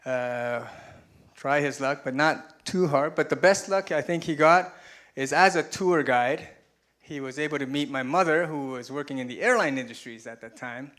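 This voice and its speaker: Speaking at a moderate pace, a man in his forties from Taiwan presents slides on a conference room stage. His voice is a little high and a bit bright, and his talk is chatty and self-deprecating, punctuated by chuckles at his own jokes.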